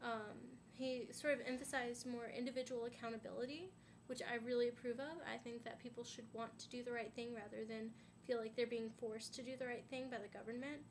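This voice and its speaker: A young adult vlogger chats casually to her camera, rambling and full of "um"s and "like"s. Her voice sits on the high side, brisk and fairly even in intonation, slightly stuffy and sniffly from a sinus infection. There's a little hiss or hum in the audio.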